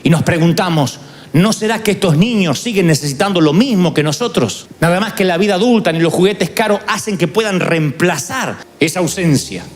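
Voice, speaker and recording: A man's voice: high-pitched, fairly quick. A man preaching a sermon, telling stories with humor. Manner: animated storytelling with humor.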